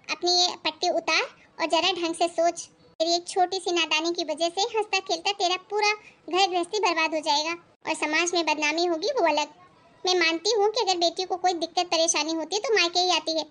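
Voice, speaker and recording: A woman voicing a stern but caring middle-aged mother in an animated family story, who lectures and scolds. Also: very high voice. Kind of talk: animated cartoon voice acting.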